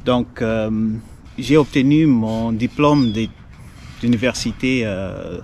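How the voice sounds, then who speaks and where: A Congolese man in his forties, a doctor, talking in a measured, hesitant way as an interview guest. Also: mid-range voice, a little mellow, a little hiss or hum. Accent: Congolese French. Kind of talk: casual interview.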